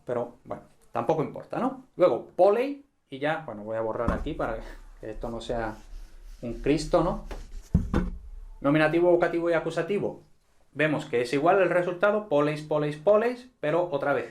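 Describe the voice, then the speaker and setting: A man teaching a grammar lesson at a board, relaxed and checking in often with his listeners. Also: fairly high pitch. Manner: relaxed, frequent "¿vale?" and "¿no?" check-ins.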